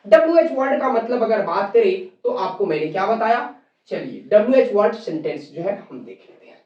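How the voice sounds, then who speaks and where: At a classroom whiteboard, a man teaches English grammar, spelling words out letter by letter and addressing his students as children. His high voice swings widely in pitch and moves a little fast. The recording is distant, roomy and dull-sounding.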